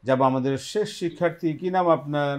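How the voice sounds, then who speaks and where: A man's voice: on the high side, fast. Bengali-accented man teaching Quran recitation. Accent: Bangladeshi Bengali. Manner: patient teaching, models pronunciation and has the class repeat it. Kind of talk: televised Quran lesson. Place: television studio.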